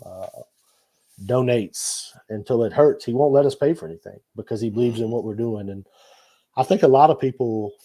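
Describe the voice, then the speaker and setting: A man's voice: mid-range voice, moderate pace, warm tone. A man, talking earnestly as a guest and telling stories about his nonprofit work. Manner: earnest storyteller, frequent restarts. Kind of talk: casual conversation.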